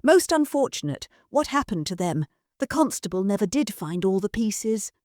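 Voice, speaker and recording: A woman voicing a sinister, smooth-talking male aristocrat who purrs menacing politeness. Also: medium pitch, very animated, moderate pace, darkish tone, dry recording, studio quality, close to an everyday voice.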